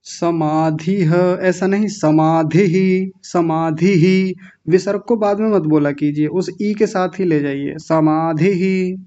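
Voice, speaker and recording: A Sanskrit recitation teacher who stretches out each syllable when modelling pronunciation and then explains quickly. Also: mid-range voice, dark tone. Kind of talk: online recitation class, correcting pronunciation. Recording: dull lo-fi audio.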